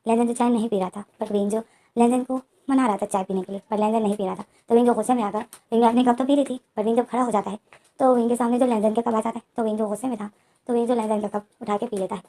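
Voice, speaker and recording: Fast-talking woman retelling a fan story. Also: on the high side, fairly even intonation, mellow. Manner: breathless run-on narration, chaining events with "then". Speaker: story narrator.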